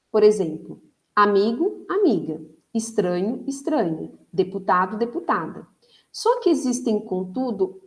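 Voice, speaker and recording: A Brazilian woman teaches a recorded grammar lesson in a fairly high voice. She explains patiently, checks understanding with quick tag questions, and slows down to stretch words so their syllables stand out. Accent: Brazilian Portuguese.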